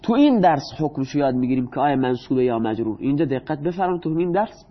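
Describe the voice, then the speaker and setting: In a muffled recording, a man with an expressive, medium-pitched voice gives a Persian grammar lesson. He reads sample sentences slowly and answers the very questions he poses to his students.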